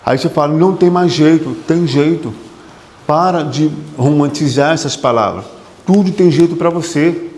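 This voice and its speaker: In a hall with a long, echoing reverb, a male psychotherapist delivers an emphatic motivational lecture, repeating phrases and posing questions to the audience. His voice sits on the high side, a little mellow, at normal speed.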